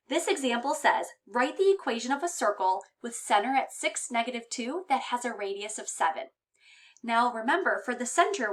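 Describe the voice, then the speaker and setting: A high school math teacher, a woman, explaining a math lesson step by step with patient, clear reminders.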